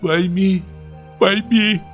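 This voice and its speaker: In an audiobook, a desperate young wife breaks into hysterical, sobbing cries, her voice pushed far up and strained. Her words come out choked and pleading, with soft music faintly behind. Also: fairly even intonation, very slow, heavily acted. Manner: sobbing, crying out in a strained high voice.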